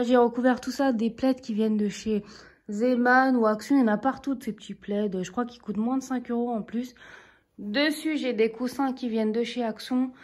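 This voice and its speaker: A woman in her thirties, of Turkish heritage and living in France, gives a casual, chatty tour of her apartment living room while filming on a handheld phone from off screen. Her fairly high voice is a little mellow, and she adds friendly asides to viewers.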